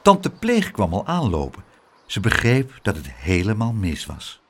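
A man reading a children's story aloud with expressive, dramatic storytelling. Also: fairly low pitch, measured pace, noisy background. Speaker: narrator.

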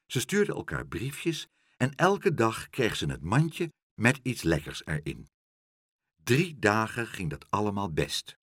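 A man reading a children's story aloud with lively, expressive storytelling. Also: lowish voice, slow, breathy edge, dry recording, clean studio sound. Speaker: narrator.

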